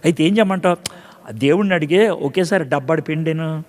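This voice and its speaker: A man preacher voicing a poor widowed mother who speaks lowly and softly to a prophet. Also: a little fast, big-room sound, close to an everyday voice. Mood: pleading.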